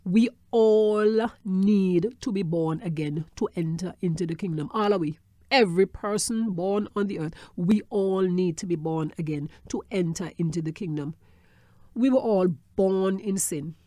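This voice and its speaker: A woman's voice: lowish voice, a little slow, dark tone, no room sound, studio quality. A woman giving a teaching sermon, repeating key phrases for emphasis and checking in with a questioning "hmm?". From Montserrat. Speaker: Bible teacher.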